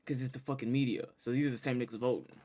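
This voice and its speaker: A man's voice: mid-range voice, fairly even intonation, racing, a little mellow. Loose, joking male streamer. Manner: loose, profane, joking banter to chat. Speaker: streamer reacting to a video. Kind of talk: casual live-stream reaction commentary.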